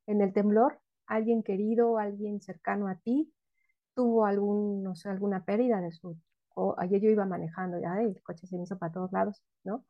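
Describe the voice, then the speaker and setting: A woman's voice: medium pitch, dark tone, muffled recording. A woman, a guest expert explaining emotional education in an interview, often asking questions and answering them herself.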